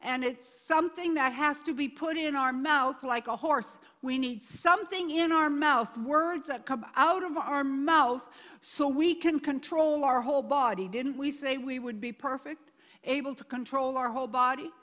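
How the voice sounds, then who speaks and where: A woman's voice: sits high, normal speed, a bit bright. A woman pastor preaching a sermon, reading scripture aloud and repeating words for emphasis. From Canada. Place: church sanctuary. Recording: long reverb of a church hall.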